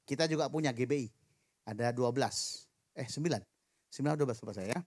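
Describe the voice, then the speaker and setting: A man preaching a sermon in a church, lively and joking with the congregation. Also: mid-range voice, fast, no room sound, studio quality. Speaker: pastor. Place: church hall.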